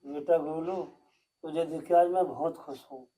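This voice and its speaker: Give me a man playing an ailing older village father with a mellow, rustic voice. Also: a little high, steady tone, normal speed, natural voice. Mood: fatherly. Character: ailing old village headman father, caring. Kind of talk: rural comedy film acting.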